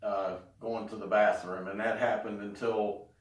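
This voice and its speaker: A middle-aged man giving a casual spoken update, talking haltingly with pauses in mid-sentence. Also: lowish voice, little pitch movement. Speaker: vlogger giving a health update. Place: indoors in an echoey room. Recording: echoey room, distant mic.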